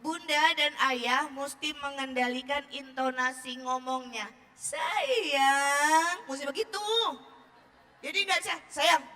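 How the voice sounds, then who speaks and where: An early-childhood education speaker gives a lively seminar talk to parents and teachers in a hall with an audience. Her voice is bright and sits high, her pace is normal, and she keeps things chatty and jokey, asking the audience questions.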